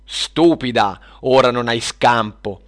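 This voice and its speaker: A man voicing a shrill, furious evil witch in a children's story. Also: slow pace, a bit bright. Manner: shrieking.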